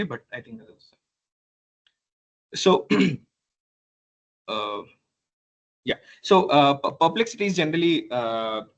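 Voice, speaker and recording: Hesitant man defending a thesis, dull audio. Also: mid-range voice. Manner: hesitant and halting, with frequent stumbles, repeats and throat clearing. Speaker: PhD candidate.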